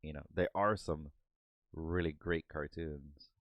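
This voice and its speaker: His voice is very deep and steady, and he takes his time. This laid-back podcast host and artist doodles while chatting, laughing often and acting out cartoon bits at a desk microphone. The recording is muffled, with no room sound.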